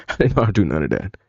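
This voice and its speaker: A man's voice: low-pitched, vocal fry, a little mellow, no room sound. A man streaming live, talking casually, rambling and bluntly profane. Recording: dull lo-fi dry sound.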